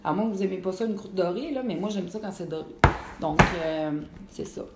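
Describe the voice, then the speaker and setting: This cooking show host speaks Québécois French in a lowish voice, a little fast, with loud music playing behind her. Chatty and animated, she fills her live-stream kitchen chat with fillers while reading comments, in an echoey home kitchen with faint noise.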